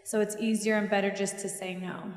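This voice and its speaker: A young woman answers panel questions in an earnest, firm way, her pitch sitting in a middle range. Her voice rings through an echoey hall with a long reverb. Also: little pitch movement, brisk, heavy background noise. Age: young adult. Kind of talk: casual panel talk.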